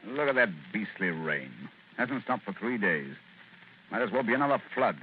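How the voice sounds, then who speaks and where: A man's voice: on the low side, big pitch swings, moderate pace, soft background music. A man playing Sherlock Holmes as a gloomy, clipped and sardonic detective in a 1940s radio drama. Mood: grumbling. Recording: tinny old radio broadcast with faint hiss.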